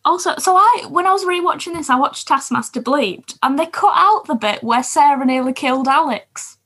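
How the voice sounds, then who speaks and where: A woman's voice: high voice, normal speed, sharp tone. A woman co-hosting a podcast, chatting enthusiastically about TV shows with lots of fillers. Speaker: podcast co-host. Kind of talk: casual chat about TV shows.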